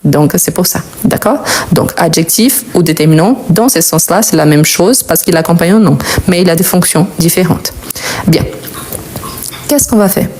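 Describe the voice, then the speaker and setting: A woman's voice: fairly low pitch, normal speed, darkish tone. A woman teaching a live French grammar lesson, explaining patiently and repeating key words.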